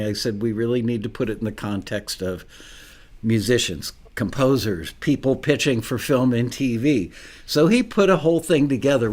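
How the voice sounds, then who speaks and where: A middle-aged American man casually hosting a live online show, unscripted and chatty, rambling into asides. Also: mid-range voice.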